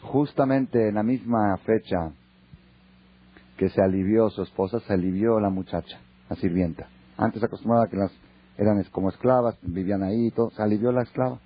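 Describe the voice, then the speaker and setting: A man with a Mexican accent, a rabbi teaching a Torah class in a lively storytelling way. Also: on the low side, a little fast, breathy edge. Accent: Mexican Spanish. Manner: lively, acts out dialogue. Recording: dull lo-fi recording.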